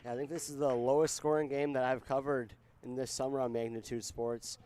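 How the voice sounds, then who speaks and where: A man's voice: medium pitch, flat delivery, fairly quick, a little mellow. A man giving color commentary on a baseball game in a conversational way, explaining the game situation.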